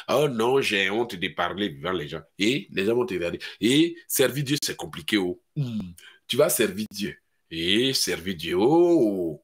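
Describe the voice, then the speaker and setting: A male pastor with an Ivorian French accent preaching a fiery sermon. He swings between shouted exhortation and low, mocking imitations of doubters.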